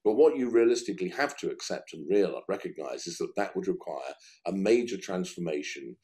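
Middle-aged guy, really low dark voice, swings up and down a lot making his points in a panel talk. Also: animated. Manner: measured, emphatic argument. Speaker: guest commentator. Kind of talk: panel discussion.

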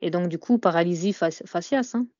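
A woman's voice: fairly low pitch, brisk, dark tone, no echo, lo-fi sound. A young woman as an interview guest, talking casually and hesitantly, with many fillers and "you know" tags. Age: young adult.

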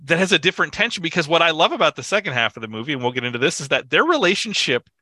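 Man, bright sharp voice, dry close recording, enthusiastic film chat. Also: on the high side, rapid-fire, no echo. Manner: enthusiastic, animated retelling. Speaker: podcast co-host. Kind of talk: casual film discussion.

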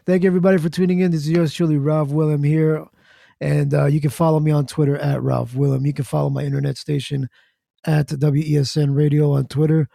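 A man hosts a casual morning podcast in a fairly high, mellow voice with plenty of gravel. His patter is playful and jokey. The sound is dry. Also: little pitch movement, fast, dry recording. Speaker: podcast host.

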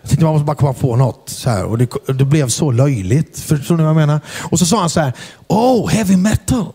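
A man preaches in a lively storytelling style, often asking the congregation whether they are with him. His voice sits a bit high for a man and carries a long hall reverb. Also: breathy edge. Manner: animated, asks the crowd "are you with me?"; shouts acted quotes in English. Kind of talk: storytelling sermon. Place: church hall before a congregation.

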